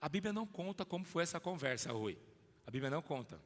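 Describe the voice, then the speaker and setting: A man preaching a sermon emphatically in a church, calling on listeners by name and swinging from loud to hushed. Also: on the high side, very animated, fast, big-room sound. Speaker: pastor.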